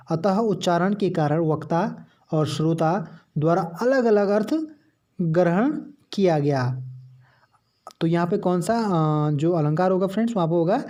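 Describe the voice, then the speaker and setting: Mellow-voiced man teaching grammar. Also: sits high. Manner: asks the class questions and answers them himself, repeats key terms; keeps addressing listeners as friends. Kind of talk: exam-prep grammar lesson.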